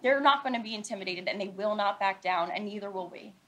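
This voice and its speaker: An American lawyer from Philadelphia delivers a prepared statement at a news conference. Her mid-range, slightly bright voice is deliberate and emphatic, and she repeats her points in short phrases.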